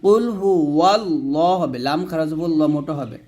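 A man with a rather high voice teaches Quran reading step by step. He spells out the letters one at a time and breaks each verse into words. Then he has the listener repeat the phrases after him. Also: animated, darkish tone. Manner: spells letters aloud, then recites slowly with a drawn-out chant; repeats phrases for the viewer to say back. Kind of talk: Quran recitation lesson.

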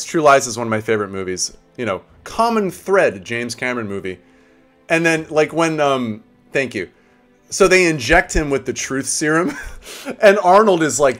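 A man's voice: medium pitch, a bit bright. A man streaming a game, chatting casually with viewers, laid-back, swearing and laughing often. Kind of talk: casual live-stream chat.

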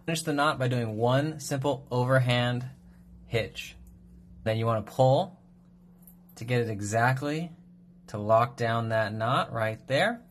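A man's voice: mid-range voice, slight background noise. Upbeat man teaching fishing knots. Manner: upbeat, brisk instructional. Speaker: fishing knot instructor. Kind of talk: step-by-step tutorial. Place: indoors at a kitchen sink.

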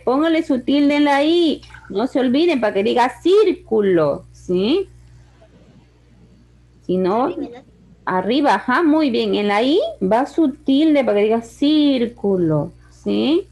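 This is a woman teaching a kindergarten class over a video call. Her voice sits a little high, and she talks slowly, pulling words out long. She coaxes the little ones in a sing-song way as they work. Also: a little mellow. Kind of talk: online class for small children.

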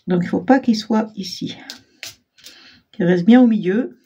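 Woman, husky voice, mid pitch, casual crafting chat, self-deprecating, filler-heavy, keeps clearing her throat. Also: measured pace, dark tone, highs cut off. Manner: chatty, self-deprecating, hesitant with many fillers. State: frequent throat clearing, frog in throat. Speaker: crafting channel host. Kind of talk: casual crafting tutorial talk.

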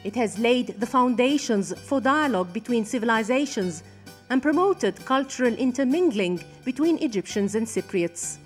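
A woman reads documentary narration in a steady, formal manner. Her voice is on the high side, with soft music faintly underneath. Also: normal speed.

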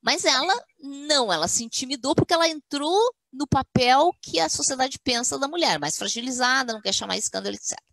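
Woman on a webinar, animated, stern mom voice for the quotes, dry sound. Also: high voice, fairly quick, creaky, few pauses, no room sound. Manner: animated, acts out quotes in a firm "mother's voice". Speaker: guest speaker, university academic. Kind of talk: webinar conversation, storytelling.

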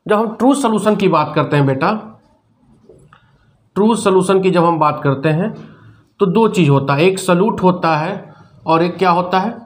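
Middle-aged male chemistry teacher, high-pitched, asks and answers his own questions. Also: moderate pace, pauses often. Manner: repeats questions and answers them himself; mixes English terms into Hindi. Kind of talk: classroom lecture.

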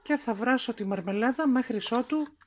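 A woman with a Greek accent hosting a home cooking video, calmly explaining each step in her kitchen. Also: a little high, a little hiss or hum. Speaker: cooking show host.

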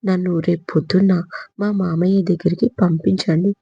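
Woman narrator reading a young woman in tears, husky and dark-toned, storybook style. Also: fairly low pitch, fairly even intonation, normal speed, dry recording, muffled recording, exaggerated voice. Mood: tearful, hurt. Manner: pleading, tearful. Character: young woman, tearful and hurt. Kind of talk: audiobook character reading.

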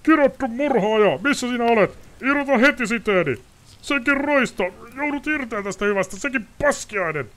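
A man reading aloud and voicing a furious, frightened nobleman in a high, loud, ranting voice. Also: lively intonation. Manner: shouting, ranting, pleading. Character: furious panicking male nobleman.

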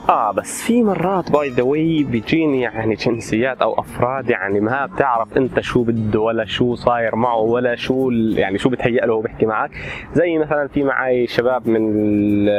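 A man, an architect vlogger, explains casually and drops English terms into his talk with lively everyday examples. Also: medium pitch. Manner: mixes English terms into Arabic.

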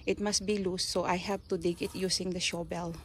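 A gardening vlogger from the Philippines, Kapampangan by birth, casually shows off her backyard garden and tools while filming on a handheld phone from off camera. She speaks with a Filipino accent in a fairly low, level voice, slowly and haltingly, searching for words. The background is noisy.

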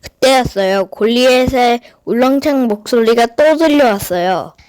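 A woman's voice: fairly high pitch, moderate pace, darkish tone, smooth. A woman narrating a scripted Bible story for children.

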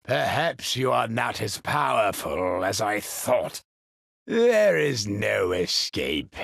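Evil old emperor from a video game, super slow raspy gloating villain voice, swoops up and down a lot. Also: male voice, fairly low pitch, sing-song, fairly bright tone, dry recording, clean studio sound, exaggerated voice. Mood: gloating, menacing. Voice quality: raspy, croaking, gravelly. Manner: slow, theatrical, menacing drawl. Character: sinister, gloating old male galactic emperor, cruel and imperious.

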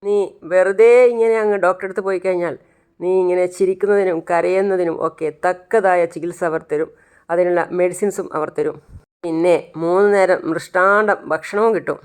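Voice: medium pitch, steady tone, moderate pace, clear, resonant tone, natural voice. A narrator playing a distrustful older man who mocks and scorns the remorseful father in a retold serial. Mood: mocking. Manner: scornful, teasing.

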